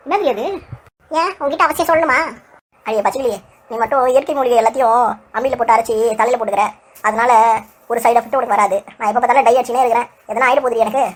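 A woman voicing an elderly village man in a cartoon, chatty and quick to scold. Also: sits high. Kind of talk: cartoon voice acting.

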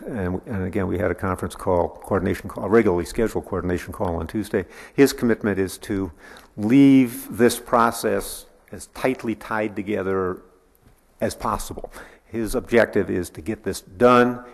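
A man speaking as an agency's executive officer, reporting at a public board meeting in a measured, halting way with frequent fillers. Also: fairly low pitch, gravelly. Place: city council chambers. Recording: echoey council chamber.

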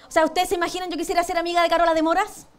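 A woman's voice: extremely high pitch, level tone, racing, crowd noise, background noise. A Chilean woman doing a stand-up comic monologue on a TV panel show, cheeky, self-mocking and crude in her punchlines. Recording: TV studio with audience laughter. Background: studio audience laughing.

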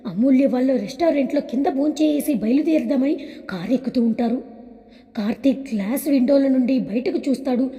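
A woman narrating a serialized audio story in a steady, expressive way. Her voice is high yet very mellow. A long reverb hangs on it like a hall. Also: a little fast.

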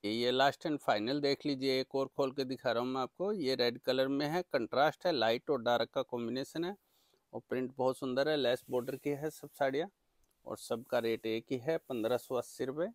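A man presenting products for sale in an eager, repetitive teleshopping-style pitch. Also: normal speed, no room sound. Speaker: saree seller presenting products. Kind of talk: product sales demonstration.

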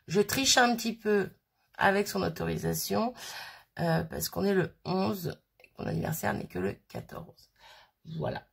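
Here a woman in her thirties, a crafting vlogger, unboxes a birthday parcel and chats away, giggly and rambling, her nose sniffly. She speaks at a moderate pace in a very animated, mid-range voice that's gravelly with a breathy edge.

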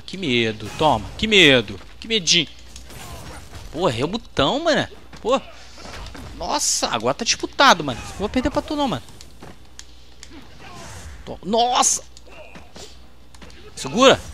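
Excitable Brazilian man trash-talking a fighting game. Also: sits high, normal speed, pauses often. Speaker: gameplay host. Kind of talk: let's-play commentary.

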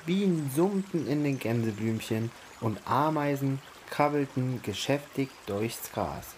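A man reading a picture book aloud to children in a slow, gentle and expressive way. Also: mid-range voice, a little hiss or hum.

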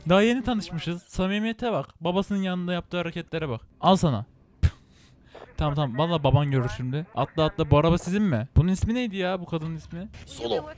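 A young man from İzmir with a Turkish accent, joking and excitable as he comments on his own gameplay and talks to the characters. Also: fairly high pitch, quick pace. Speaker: gaming channel host.

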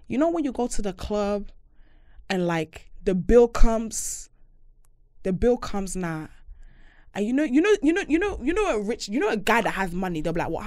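A woman's voice: mid-range voice, dry recording. A young woman with an urban London street accent chatting as a podcast host, emphatic and slangy, repeating phrases for effect in a studio. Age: young adult. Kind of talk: animated casual chat about hot topics. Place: small podcast studio, indoors. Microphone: close studio desk microphone.

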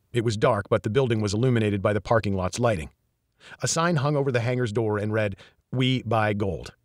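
A man reading a first-person thriller audiobook in an even, measured storytelling manner. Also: on the low side, no echo, clean studio sound. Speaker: audiobook narrator.

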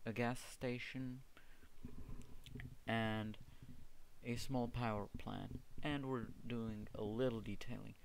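In a rough recording with slight background noise, a young Czech gaming video creator talks over his gameplay at home on his gaming PC. His medium-pitched voice is gravelly and steady, slow with long pauses, and his strong accent comes through as he hesitates, restarts words and casually searches for terms.

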